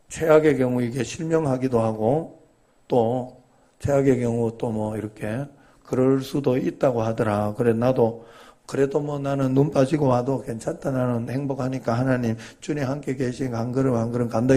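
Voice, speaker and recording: A male pastor with a mid-range, dark-toned voice preaches in a folksy, conversational style. He tells funny stories and keeps his congregation engaged with quick rhetorical questions.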